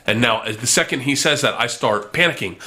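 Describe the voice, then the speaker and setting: A man with a bright, forceful voice tells a story in relaxed conversation. He is animated and slips into voices for the people he quotes. His pitch sits in a middle range. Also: a little fast. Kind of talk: casual storytelling.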